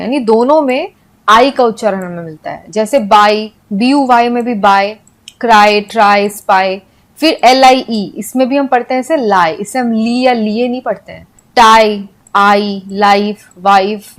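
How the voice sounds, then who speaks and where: A young woman teaching an English pronunciation lesson, explaining step by step and repeating example words slowly. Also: fairly high pitch.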